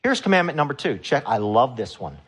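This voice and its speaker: A man preaching a sermon to a congregation, animated and emphatic, with loud rising peaks. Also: medium pitch, fairly quick, breathy edge. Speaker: pastor.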